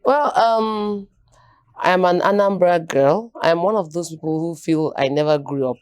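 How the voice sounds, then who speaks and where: A Nigerian woman in her early forties with a low-pitched voice tells her life story in a lively, joking way, dropping into Pidgin now and then. The sound is close and dry, with no room echo. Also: unhurried, clear, resonant tone. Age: early 40s. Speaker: podcast guest, storyteller. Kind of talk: casual interview chat.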